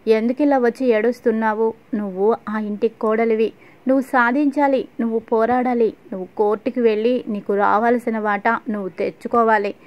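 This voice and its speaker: A sly middle-aged schemer goads and needles her target, read by a woman narrator. The voice is high and flat. The recording sounds dull and lo-fi. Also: normal speed, natural voice. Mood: goading. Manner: needling, goading.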